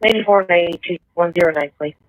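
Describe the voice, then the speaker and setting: A man's voice: high-pitched, fairly quick. A man speaking as a police officer over a police radio, giving clipped call-outs. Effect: police radio transmission. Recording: thin distant radio audio.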